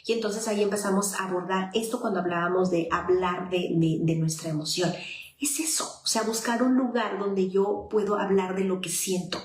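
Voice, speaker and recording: A woman psychologist gives a conversational advice talk to parents, explaining step by step and pausing to check in with her listeners. Her voice sits at an ordinary middle pitch. The recording has a noticeably roomy echo. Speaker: child psychologist.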